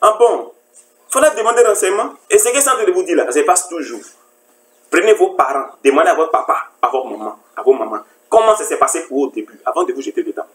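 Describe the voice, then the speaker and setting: A woman's voice: low-pitched, very animated, fast talker. Mocking woman coach in a roomy echo. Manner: mocking, rhetorical, repeats "you didn't know that". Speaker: relationship coach. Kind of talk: lecturing monologue to camera.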